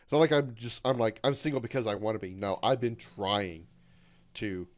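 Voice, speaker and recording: A game streamer in his thirties with a lowish voice at normal speed chats casually with viewers. In a glum, self-deprecating mood, he rambles, says things twice and stumbles as he talks.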